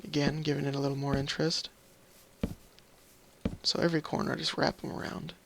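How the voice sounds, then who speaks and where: A gaming video series host plays Minecraft, offering loose, meandering, apologetic commentary and thinking out loud as he goes. His voice is fairly high and gravelly, tired and a little scratchy, with a flat delivery at a fairly quick pace.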